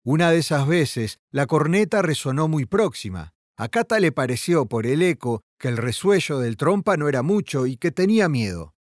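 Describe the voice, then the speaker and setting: A man reads a novel aloud in a dramatic, expressive narration. His voice sits somewhat high and swings widely in pitch, recorded dry and close with no room sound. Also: moderate pace, hardly any pauses, no room sound. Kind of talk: audiobook narration.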